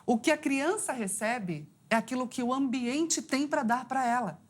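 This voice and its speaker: A woman, a psychologist guest on a talk show, telling a personal story in an earnest, heartfelt way. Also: normal speed. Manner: heartfelt, earnest storytelling with rising pitch at climaxes.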